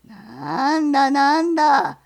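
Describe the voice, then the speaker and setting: A woman voicing a big, lonely male bear with a gravelly, booming voice and a bossy manner in a picture-book reading. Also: big pitch swings, slow, exaggerated voice. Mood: gruff. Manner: bossy and loud. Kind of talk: picture-book read-aloud.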